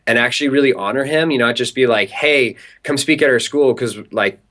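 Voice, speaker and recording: Young man, interview guest, chatty storytelling, lots of filler words, mid-pitched voice. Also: fairly quick, pushed and bright. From Southern California.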